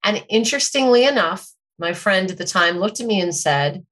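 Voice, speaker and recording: A middle-aged woman telling a personal story in a measured, thoughtful and self-questioning way, as a podcast host. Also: medium pitch, animated, a bit bright.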